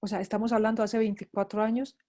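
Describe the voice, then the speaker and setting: In a fast, level, warm voice of medium pitch, a middle-aged grief psychologist from Antioquia, Colombia, gives personal testimony in a lecture to a class. She has an Antioquian Colombian Spanish accent and grows emotional, repeating words to stress them.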